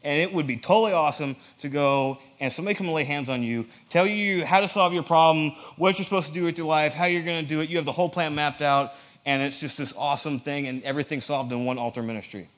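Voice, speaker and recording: A man preaching a casual, lively sermon in a church, joking with the congregation. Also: a little high, quick pace. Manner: animated, joking asides to the audience.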